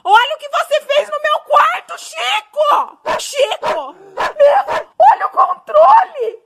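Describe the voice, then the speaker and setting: A woman's voice: very high-pitched, sing-song, takes it slowly, shouting. A woman crying and shrieking in desperation in a home phone video, half laughing through her tears as she scolds her dog. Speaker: dog owner in a social media video.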